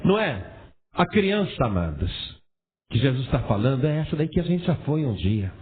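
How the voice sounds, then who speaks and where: A man preaching a sermon as a pastor, animated and asking his congregation rhetorical questions. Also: medium pitch, normal speed, breathy edge. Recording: tinny phone-like sound.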